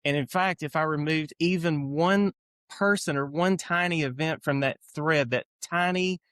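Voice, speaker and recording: A man's voice: on the high side, fairly bright tone, clean tone, dry recording. A middle-aged man with an Appalachian accent, telling his own story reflectively as a podcast guest. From eastern Kentucky, United States. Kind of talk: reflective personal storytelling in an interview.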